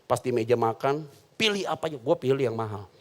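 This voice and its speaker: A man's voice: mid-range voice, fairly quick. A man preaching a sermon, telling comic stories and acting out the people in them. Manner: animated, joking, acts out voices in anecdotes. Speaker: pastor. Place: church.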